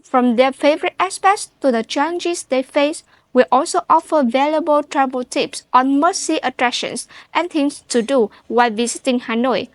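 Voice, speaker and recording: A woman hosting, reading a scripted introduction in a smooth, measured way. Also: sits high, no room sound. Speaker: host. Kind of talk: scripted narration.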